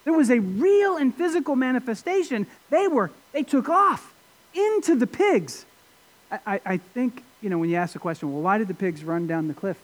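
A man preaching a sermon, emphatic, with rhetorical questions and sudden swings between loud and quiet. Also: sits high. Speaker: pastor.

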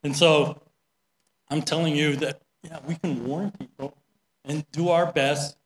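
Middle-aged male preacher, slightly high voice, chatty sermon, roomy echo. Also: steady tone, measured pace. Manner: conversational storytelling with frequent "right?" asides.

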